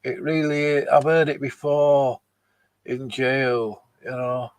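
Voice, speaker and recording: A man's voice: mid-range voice, steady tone, slow pace. A man hosting his channel, mocking and dismissive as he comments on video clips he plays. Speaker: channel host reacting to videos. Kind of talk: live commentary on played clips.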